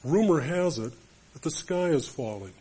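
A man doing a small earnest male sparrow in a spoken fable, matter-of-fact and plain-spoken, with a husky edge. The tone stays mid-pitched, close to an everyday voice. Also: lively intonation, moderate pace, dark tone.

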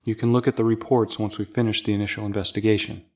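A woman voicing a calm, caring male doctor who speaks in a gentle, soothing way. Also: extremely low pitch, fast talker, voice pushed down.

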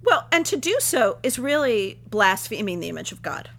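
A woman co-hosting a religious podcast as ordained clergy, talking in a chatty, expressive way with jokey asides. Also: on the high side, normal speed, creaky, slight background noise. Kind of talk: casual religious podcast chat.

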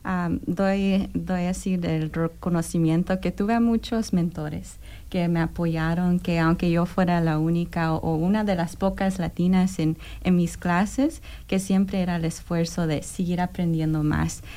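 A young woman from New York, a guest on an interview show, talking in an earnest, measured way with frequent hesitations. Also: fairly low pitch, steady tone, warm tone. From New York, United States. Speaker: guest, disaster program manager. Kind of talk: interview conversation.

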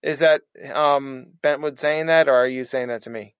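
A man's voice: mid-range voice, steady tone, moderate pace, clean tone, highs cut off. A man playing a tabletop game, improvising casually in character in a rambling, self-promoting way.

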